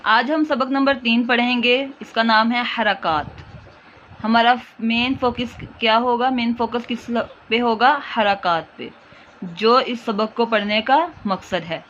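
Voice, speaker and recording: A woman with a Pakistani Urdu accent leads a recitation lesson in a fairly high voice, drawing out each syllable patiently and slowly. The recording is dull and lo-fi, with a faint hiss behind her. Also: steady tone, a bit bright. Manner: patient, drawn-out syllable drills. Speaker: Quran reading teacher. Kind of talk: slow instructional recitation lesson.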